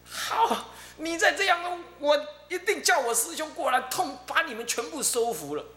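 A man's voice: high voice, sing-song, moderate pace, bright, forceful tone, pitched above the performer's own voice, exaggerated voice. A man voicing a boastful, fiery woman qigong master who scolds and curses, recorded in an echoey room. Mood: threatening. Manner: scolding, cursing at the air. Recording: echoey room, faint hum.

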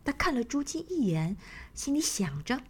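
Lively sing-song woman storyteller. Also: fairly high pitch, normal speed, slightly rough. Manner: sing-song, speaking to children. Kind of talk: children's story narration. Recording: faint background music.

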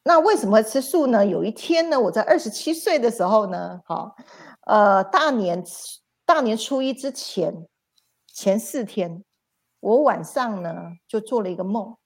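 A woman speaks as a spiritual teacher on a livestream. She tells her stories in an animated way, repeating phrases and adding sound words. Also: medium pitch, moderate pace. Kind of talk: livestream storytelling talk.

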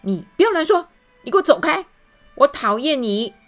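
Played by a woman, a hot-tempered man from a children's storybook who huffs and shouts at everyone. His voice leaps sharply up and down, and faint music runs underneath. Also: high voice, big pitch swings, normal speed, voice pushed up. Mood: angry shouting. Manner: shouting, huffing "hmph".

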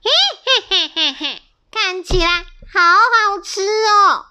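A woman's voice: very high voice, lively intonation, slow pace, pushed and bright, pitched above the performer's own voice, exaggerated voice. A sly, hungry bully dinosaur from a children's storybook, played by a woman. His voice sits well above her own, sniggering and wheedling, a coward underneath. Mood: greedy.

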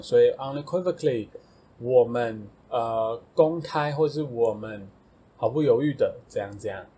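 A man's voice: medium pitch, mellow, husky. A man with a Taiwanese Mandarin accent, casually explaining English vocabulary as a podcast host, thinking aloud with fillers and self-corrections.

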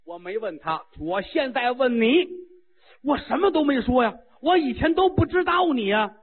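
Haughty old immortal woman, slow and scolding, voiced by a male storyteller; husky, tinny radio sound. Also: extremely high pitch, expressive, pitched above the performer's own voice. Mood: stern. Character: elderly female Taoist immortal, stern and haughty.

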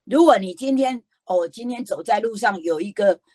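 An older woman from Taiwan with a Taiwanese Mandarin accent, giving a lively, folksy lecture as a storytelling educator, full of emphatic rhetorical questions. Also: medium pitch, normal speed, no room sound.

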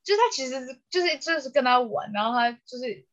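A young woman with a Taiwanese Mandarin accent reacts on a podcast, talking fast in short, quick comments. Her voice is slightly high. The recording sounds dull and lo-fi. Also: lively intonation, fairly bright tone. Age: young adult. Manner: reactive, chiming in with short remarks. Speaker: podcast co-host. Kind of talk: casual chat.

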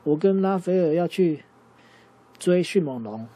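A man voicing an urgent young male ninja turtle in a bedtime story, calling out raised and hurried. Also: mid-range voice, warm tone, close to an everyday voice.

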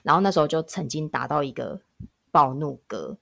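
A woman, a public health nurse telling work stories in a casual podcast chat, animated and emphatic. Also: deep voice, fairly quick, vocal fry.

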